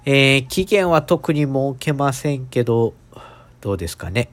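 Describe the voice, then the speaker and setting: A man's voice: medium pitch, lively intonation, normal speed. A man hosting a casual solo podcast in a stuffed-up, nasal voice, talking in a hesitant, rambling, apologetic way. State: congested nose. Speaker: podcast host.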